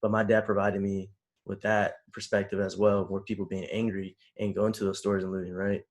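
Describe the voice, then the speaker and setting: A man's voice: sits low, little pitch movement, a little fast. A young man from the Bay Area leading a casual discussion, slangy and asking the others questions. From San Francisco Bay Area. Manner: conversational, asks questions, slangy.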